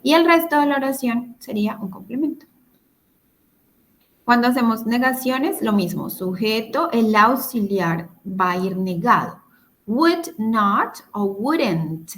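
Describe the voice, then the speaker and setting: A woman's voice: fairly high pitch, animated, slow, fairly bright tone, a little hiss or hum, rough recording. A woman teaching English grammar in a recorded video-call lesson, explaining step by step, repeating words and checking in with her students.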